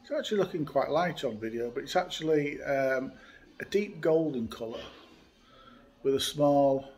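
A man chats through a beer review in a relaxed, easygoing way. He pauses often with "uh" and "um" as he talks close to a phone or webcam in a hotel room. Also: medium pitch, slight background noise. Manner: chatty, relaxed, frequent uh fillers. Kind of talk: casual beer review chat. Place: indoors by a window in a hotel room.

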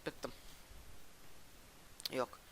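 A young gaming YouTuber casually comments on his own gameplay, speaking haltingly with frequent stumbles and restarts. His delivery is flat and subdued.

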